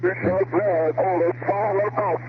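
A man's voice: high-pitched, fairly even intonation, moderate pace. A man's recorded speech played backwards, with garbled reversed syllables from an archive clip. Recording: tinny noisy archive clip.

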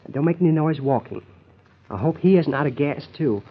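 An impatient, scheming husband in an old radio comedy, bossy and exasperated. His husky voice swings up and down as he cajoles and grumbles. The recording is dull and lo-fi. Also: a little high, animated, fairly quick. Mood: grumbling, hushed irritation.

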